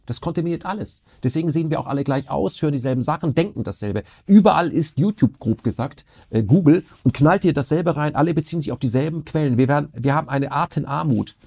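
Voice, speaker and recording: Casting: man, rapid, husky and gravelly, animated rambling talker. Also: on the high side. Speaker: interview guest. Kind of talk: casual conversation.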